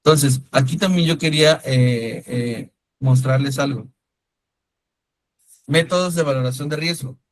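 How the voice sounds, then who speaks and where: A man's voice: mid-range voice, unhurried, long pauses, no echo, poor audio. Dry-voiced male instructor. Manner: conversational, calls on students by name, frequent "¿sí me explico?". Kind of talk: online-style class lecture with questions to students.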